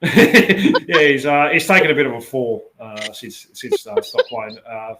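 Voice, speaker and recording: A man's voice: medium pitch, very animated, a little slow, a crowd in the background. Australian man hosting a rambling footy chat. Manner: rambling, fillers and restarts. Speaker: podcast host.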